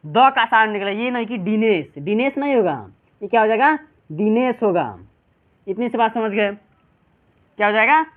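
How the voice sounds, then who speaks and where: A man's voice: high voice, lively intonation, normal speed. A male teacher with a Bihari Hindi accent giving a classroom pronunciation lesson, who keeps asking his students questions and answering them himself. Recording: tinny phone-like sound.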